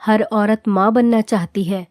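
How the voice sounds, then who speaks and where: A woman's voice: medium pitch, steady tone, a little slow, a little mellow, no room sound, clean studio sound, natural voice. A woman voicing a stern, traditional middle-aged mother-in-law who scolds and commands, in storybook narration. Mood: indignant.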